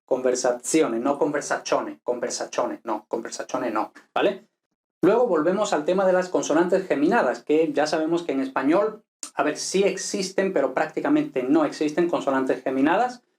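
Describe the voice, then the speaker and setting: A man's voice: on the high side, animated, moderate pace, darkish tone. A man teaching pronunciation in a video lesson, explaining patiently, repeating example words and checking in with the listener often. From Spain. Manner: explanatory, frequent "¿vale?" check-ins and repeated model words. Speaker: language teacher.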